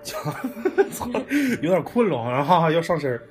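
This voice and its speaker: A man's voice: on the high side, very animated, measured pace, music in the background. A man with a Northeastern Chinese accent telling a true ghost story in casual podcast chat, blunt and swearing freely.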